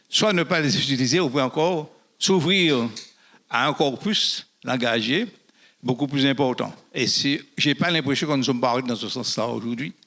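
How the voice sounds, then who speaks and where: A man speaking quickly and digressively at a public debate, citing authors and stumbling on his phrases. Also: medium pitch, fairly bright tone.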